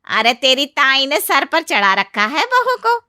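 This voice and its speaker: Woman doing a sharp-tongued scolding aunt-in-law. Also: high voice, big pitch swings, a little slow, no echo, studio quality, voice pushed up, exaggerated voice. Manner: loud, taunting, reproachful. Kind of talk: cartoon story voice acting.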